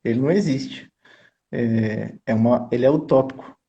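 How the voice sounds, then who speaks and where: Man, choir conductor, teacherly explaining, mellow voice, muffled lo-fi sound. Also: medium pitch, moderate pace, gravelly. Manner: earnest, teacherly, keeps checking in with the listener. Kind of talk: explanatory conversation.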